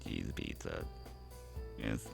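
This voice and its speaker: A man putting on a deep, gravelly robot bird voice. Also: music in the background, full character voice. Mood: droning. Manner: slow, droning robot voice. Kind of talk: reading a fan game aloud.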